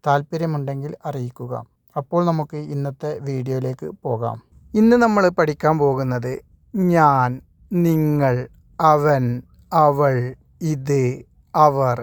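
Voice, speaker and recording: A man's voice: mid-range voice, a little mellow, clear, resonant tone, no echo, studio quality. A man teaching spoken English online, asking a question, answering it himself, and repeating each word for drilling. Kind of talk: online language lesson.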